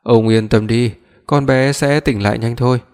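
A calm older father soothes his family, voiced by a man reading an audiobook. He speaks evenly at a middling pitch. A long reverb hangs behind the voice. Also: moderate pace, close to an everyday voice.

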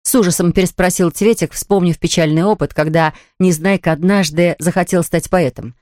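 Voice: mid-range voice, fairly even intonation, a little fast, darkish tone, no room sound, studio quality. A narrator reading a children's storybook aloud, switching into voices for the characters.

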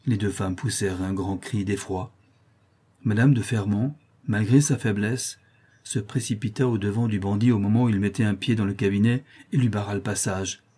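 A man narrating an audiobook novel in a dramatic, measured way. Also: fairly low pitch, fairly even intonation, dark tone, slightly rough.

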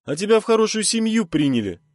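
A man's voice: sits high, sing-song, fast, darkish tone, no echo, clean studio sound, pitched above the performer's own voice. A man voicing a sly man who speaks in a teasing, mocking way in an audiobook.

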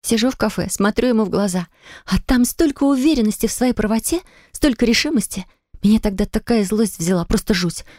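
A woman's voice: fairly high pitch, lively intonation, brisk, darkish tone, dry recording, clean studio sound, pitched above the performer's own voice, lightly acted. A woman reading an audiobook, voicing an anxious, frightened young woman who talks in breathless, pleading bursts. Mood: distressed.

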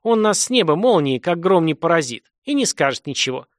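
Mocking peasant woman, high and shrill, read by a male narrator. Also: sing-song, fairly quick, no room sound, studio quality. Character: jeering peasant woman, spiteful.

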